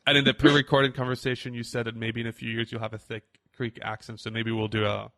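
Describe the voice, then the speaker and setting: A man's voice: mid-range voice, flat delivery, quick pace, fairly bright tone. A man in his thirties hosting a podcast, friendly and playful with his guest. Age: 30s. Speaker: podcast host. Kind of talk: casual podcast interview.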